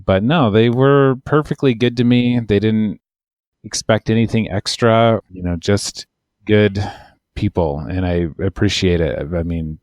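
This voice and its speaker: A man's voice: fairly low pitch, measured pace, a little mellow, dry recording. A man, an immigration lawyer, telling a long, wry, rambling story in casual podcast chat.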